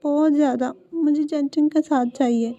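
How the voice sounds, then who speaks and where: A woman's voice: high voice, fairly even intonation, moderate pace, warm tone, lo-fi sound, voice pushed up. A woman doing a pleading young woman. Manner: whiny, pleading.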